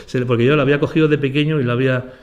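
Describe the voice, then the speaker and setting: A man's voice: medium pitch, steady tone, very fast, dull audio. A man from Aragon, a writer, giving a conversational talk to students that is full of rhetorical questions. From Aragon, Spain. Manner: conversational, addresses listeners directly, rhetorical questions.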